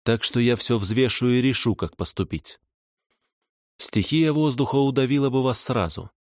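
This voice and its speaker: A man voicing a calm, stern, ancient male water spirit who speaks unhurriedly. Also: mid-range voice, moderate pace, dry recording, studio quality, voice pushed up, close to an everyday voice.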